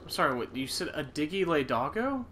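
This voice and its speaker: A man's voice: on the high side, sing-song, brisk, noisy background. A young man hosting a horror game playthrough, casually commenting, reading notes aloud and getting snarky and exasperated. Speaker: host playing a horror game.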